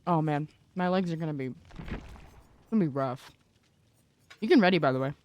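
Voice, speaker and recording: A woman's voice: deep voice, expressive, moderate pace, darkish tone, slight background noise. A young adult woman streaming live, chatting casually with her chat while gaming and greeting viewers by name.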